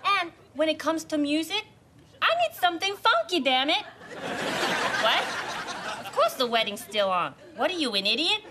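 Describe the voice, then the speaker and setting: An actress playing a feisty, exasperated bride-to-be in a sitcom, with an emphatic, indignant manner. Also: female voice, high voice, big pitch swings, moderate pace, long pauses, sharp tone, full character voice. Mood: agitated. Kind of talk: multi-camera sitcom acting. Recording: studio audience behind dialogue.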